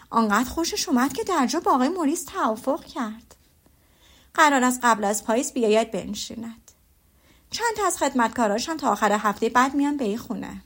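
Woman doing a gushing, eager matchmaking mother. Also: a little high. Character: chatty excitable middle-aged mother, matchmaking.

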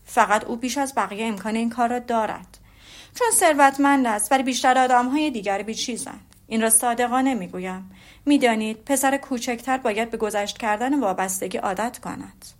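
Courteous gentleman officer, frank and measured, read by a woman in her own fairly high voice. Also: lightly acted. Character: polite gentlemanly younger-son army officer.

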